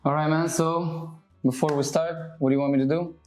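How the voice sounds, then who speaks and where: A man's voice: fairly high pitch, fairly even intonation, fairly quick, a little mellow, soft background music. Chill barber guy hosting a podcast mid-haircut, lots of "like", kinda echoey room. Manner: loose, laid-back, heavy on fillers and swearing. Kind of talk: casual chat while cutting hair.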